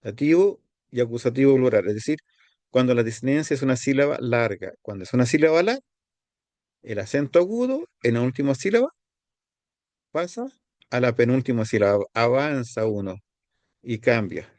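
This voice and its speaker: A man's voice: mid-range voice, very animated, darkish tone, no room sound. Dry-voiced man teaching Greek grammar. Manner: explains step by step, repeats words slowly, pauses to find his page. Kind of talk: seminary lesson on Greek grammar.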